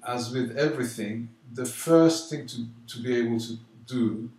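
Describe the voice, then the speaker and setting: A man teaching a drum rhythm, explaining calmly and counting the beats out loud, slow and emphatic. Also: mid-range voice. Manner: counts beats aloud loudly and slowly between calm explanations. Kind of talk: casual drum lesson. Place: London. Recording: roomy echo, mic at a distance, drumming.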